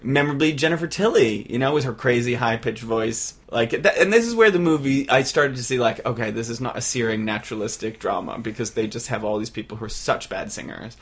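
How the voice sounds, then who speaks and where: A man co-hosting a casual film-review podcast, chatty and animated, rambling with lots of fillers. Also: medium pitch, fairly quick, hardly any pauses, husky. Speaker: podcast co-host.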